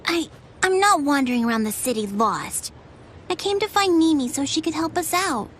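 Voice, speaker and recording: Young vampire boy for anime dub: very high, animated, anxious and sincere. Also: normal speed, a little hiss or hum. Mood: unsure. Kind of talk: English anime dub acting. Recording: music behind the voice.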